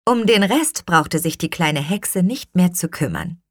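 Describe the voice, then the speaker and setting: A woman reading a children's audiobook in an expressive, unhurried way. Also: lowish voice, no echo, studio quality. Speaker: audiobook reader. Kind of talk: scripted children's story narration.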